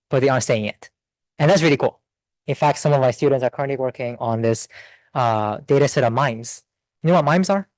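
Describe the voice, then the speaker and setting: A man giving a seminar talk and answering audience questions in a quick, think-aloud way with restarts. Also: mid-range voice, a little mellow, no echo. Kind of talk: academic Q&A.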